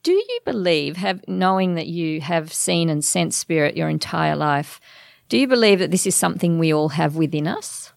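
Gravelly-voiced woman host. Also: fairly low pitch, expressive, moderate pace, no room sound, studio quality. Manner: attentive, encouraging, brief responses. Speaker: podcast host. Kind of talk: interviewing.

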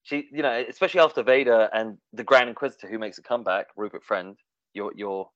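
A man's voice: on the low side, fast talker, fairly bright tone, no echo. A man talking casually in a discussion, hesitant, with many fillers and restarts. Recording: dull, dry, lo-fi sound.

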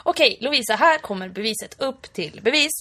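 A woman with a Dalarna Swedish accent co-hosting a podcast in casual chat. Her voice sits a little high, and she talks in a playful, teasing way. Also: animated, a bit bright. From Dalarna region of Sweden. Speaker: podcast co-host.

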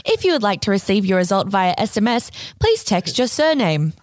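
A woman putting on a flat robot voice to play an automated health text-message service in a comic sketch. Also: mid-range voice, fairly quick, dry recording, clean studio sound, natural voice. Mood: deadpan. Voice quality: flat, monotone robot voice reading stock messages. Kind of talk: comic sketch read aloud.

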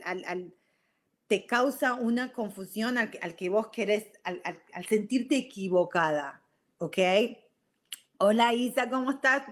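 A middle-aged woman with a Rioplatense Spanish accent, hosting a live stream and chatting casually about personal growth, often ending her points with "ok?". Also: mid-range voice. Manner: chatty, frequent "ok?" tags. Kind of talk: casual talk on self-growth.

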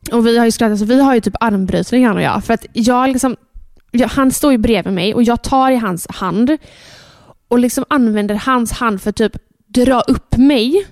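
Animated woman telling her birth story. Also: on the high side, dry recording, clean studio sound. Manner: animated storytelling, acts out her own screams and quotes. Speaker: podcast co-host. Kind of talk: casual chat.

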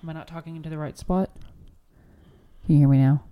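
A woman co-hosting a podcast in casual chat, her voice coming through muffled and bass-heavy because she is talking into the back of the microphone. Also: fairly even intonation, quick pace, a little hiss or hum. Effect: muffled, bass-heavy sound from speaking into the back of the mic. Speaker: podcast co-host. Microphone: studio podcast mic, wrong side. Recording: muffled off-axis mic.

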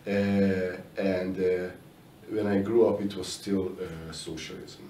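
Deep-voiced man, echoey and distant. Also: fairly even intonation, warm tone. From Hungary. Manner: thoughtful, frequent "uh" pauses. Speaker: interview guest, investment banker. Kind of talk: casual interview talk. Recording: echoey room, mic at a distance, background noise.

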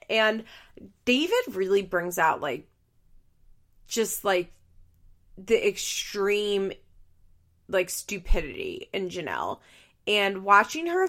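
A woman talks through a casual podcast recap in a Valley Girl accent. Her voice sits at a middling pitch with a strong, gravelly vocal fry. She peppers her speech with "like" and swears with amused candor. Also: a bit bright. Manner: chatty, frequent "like" fillers, swearing, amused. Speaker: podcast host. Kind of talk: casual reality-TV recap monologue.

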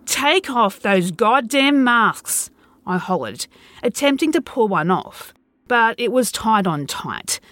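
A woman narrating a first-person horror story in an expressive reading. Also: medium pitch, dry recording.

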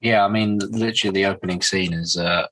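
Deep husky man chatting. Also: brisk, rough recording. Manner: relaxed, retelling scenes with filler words. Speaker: podcast co-host. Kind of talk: casual discussion of comics.

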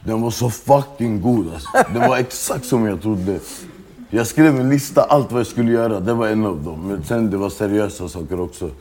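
Speaking in a fairly low, dark voice, a male guest recounts his life in a laid-back interview, cursing frequently, using street slang, and restarting sentences haltingly.

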